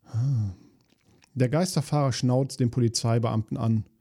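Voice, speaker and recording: A man's voice: mid-range voice, fairly even intonation, unhurried, mellow. A man hosting a podcast, reading jokes aloud in a dry, weary, self-mocking way, with asides between them.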